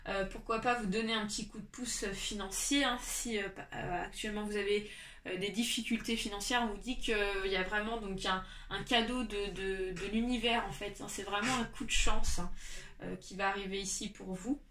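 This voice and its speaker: A woman with a congested, stuffy nose from a cold gives a casual tarot reading to viewers, speaking haltingly and repeating her phrases. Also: medium pitch, fairly even intonation, fairly bright tone. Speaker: tarot reader. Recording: roomy echo, distant mic, light noise.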